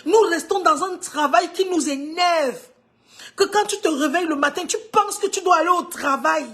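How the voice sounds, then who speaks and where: A woman's voice: extremely high pitch, moderate pace. A woman in her fifties from Cameroon, with a Cameroonian French accent, giving an earnest motivational talk on a live stream. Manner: earnest, swings from hushed to emphatic.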